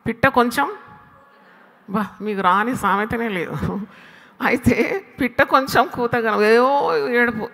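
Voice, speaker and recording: A woman preacher delivering an animated sermon, firing rhetorical questions at her listeners and slipping English phrases into her talk. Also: mid-range voice, long reverb tail.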